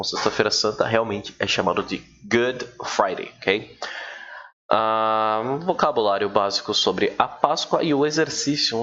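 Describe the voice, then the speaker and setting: Man, low voice, chatty language teacher, drawn-out examples, dull lo-fi recording. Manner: relaxed, chatty, drawls English examples slowly. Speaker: English teacher. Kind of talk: casual recorded lesson. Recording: dull, lo-fi with faint noise.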